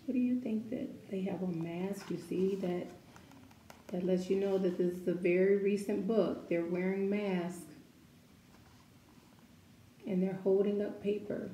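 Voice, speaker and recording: A children's story-time reader with a mellow, mid-range voice reads a picture book aloud, adding asides to the kids. She is encouraging and expressive, speaking slowly and deliberately and leaning on key words, in an echoey room with faint background noise.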